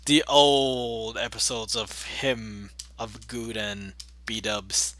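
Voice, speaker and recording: A man's voice: fairly low pitch, flat delivery, extremely slow, pushed and bright. A man chatting casually during a co-op game session, often trailing off into a tired mumble. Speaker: gamer in a co-op session. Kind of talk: casual gameplay chat.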